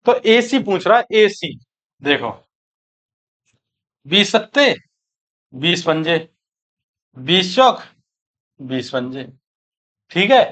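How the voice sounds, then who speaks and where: High-voiced man teaching maths. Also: sing-song, fairly bright tone. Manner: brisk, coaxing, keeps checking in with students. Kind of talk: exam-prep maths lesson.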